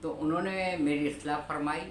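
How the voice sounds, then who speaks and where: A fairly high-voiced man delivers a religious lecture in a measured, explanatory manner, pausing to weigh his key terms. His voice rings out in an echoey room over a faint hum of ambience. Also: fairly even intonation. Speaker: religious speaker.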